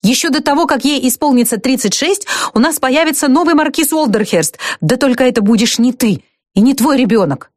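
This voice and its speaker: Woman doing a hysterical young wife, shrill, screaming, scornful, high-pitched, dry audiobook sound. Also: lively intonation, fairly quick, no echo, close to an everyday voice. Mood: hysterical fury.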